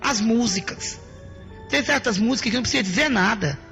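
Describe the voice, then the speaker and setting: Woman preacher giving a testimony: very gravelly, bright and forceful voice, emphatic, soft music underneath. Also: on the high side, brisk. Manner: emphatic, often addressing listeners as brothers.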